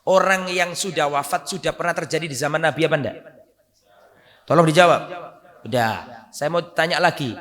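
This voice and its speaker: A male Islamic preacher gives an animated sermon, often putting questions to his audience. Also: on the high side, normal speed, long pauses, long reverb tail.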